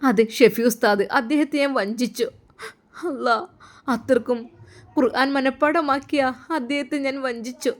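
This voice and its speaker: A woman's voice: high voice, normal speed, lightly acted. A woman voicing a young remorseful mother who prays tearfully and pleads for forgiveness. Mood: tearful pleading.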